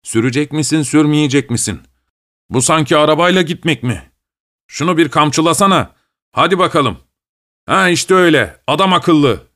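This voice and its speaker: A man voicing a mocking young hunchbacked passenger who shouts at his driver in a trembling voice. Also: fairly high pitch, expressive, normal speed. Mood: mocking, impatient. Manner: shaky, mocking, impatient shouting. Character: jeering young hunchbacked man, shrill and bossy.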